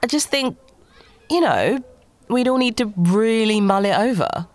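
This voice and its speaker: A defensive, sharp-tongued woman who wants to start a family, in an audio drama. Her voice rises and falls a lot. The sound is close and dry, with no room. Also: on the high side, expressive, measured pace, no room sound. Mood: flustered. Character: queer woman planning a baby, flustered, defensive. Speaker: actor.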